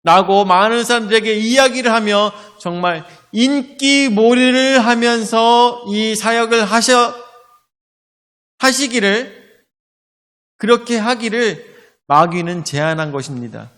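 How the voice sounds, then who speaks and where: A man's voice: high voice, a little slow, fairly bright tone, clear, resonant tone, in a large hall. A male pastor preaching a sermon, telling the story vividly and acting out the voices of a crowd.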